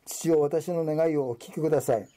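A man reading the words of Jesus in a solemn, measured scripture reading. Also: fairly high pitch, mellow, lightly acted. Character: Jesus, calm authoritative male teacher.

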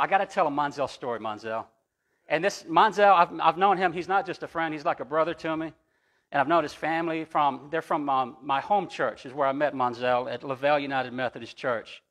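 Man, pastor, fairly high voice, conversational sermon, storytelling, frequent restarts. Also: a bit bright.

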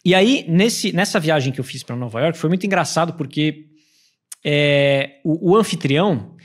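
A man in his thirties, an Airbnb host appearing as a guest, chats casually in a podcast studio, recorded on a studio mic with headphones. His voice is on the higher side, and at a moderate pace he tells energetic anecdotes, acting out the people he quotes.

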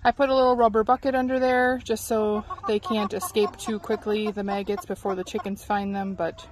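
Holding her phone at arm's length in a chicken run, a middle-aged chicken keeper gives a chatty, casual how-to, explaining as she goes and hesitating now and then. She speaks a little fast with a medium pitch and flat delivery, and the outdoor recording includes clucking chickens and ambient noise.

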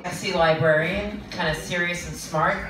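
A woman's voice: on the low side, steady tone, moderate pace, music in the background. A woman performer bantering with the crowd between songs, flustered and sardonic. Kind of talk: stage banter. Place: small pub stage. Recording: echoey, distant, crowd noise.

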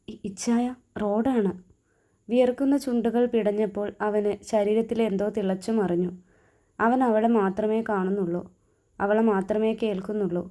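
A woman narrating a romance story in a steady, even way. Her voice is mellow and warm, with a pitch in the middle range for a woman.

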